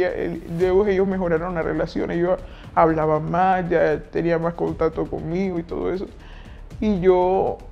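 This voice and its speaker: Quiet, halting young woman, gravelly. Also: fairly low pitch. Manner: quiet, halting, searching for words. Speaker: interviewee giving testimony. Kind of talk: personal testimony. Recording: dull lo-fi audio with faint music.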